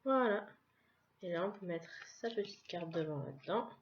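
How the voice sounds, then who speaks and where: A woman's voice: fairly low pitch, lively intonation, normal speed, lo-fi sound, background noise. A woman casually presenting a subscription box in a vlog, describing each item one by one in a chatty way. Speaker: vlogger unboxing a subscription box.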